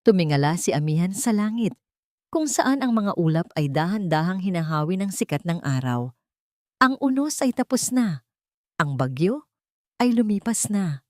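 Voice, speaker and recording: A woman with a Filipino accent narrates a scripted dramatic story like an audiobook reader. Her voice is fairly low, expressive and darkish in tone, moving at a normal speed. The recording is studio quality with no echo.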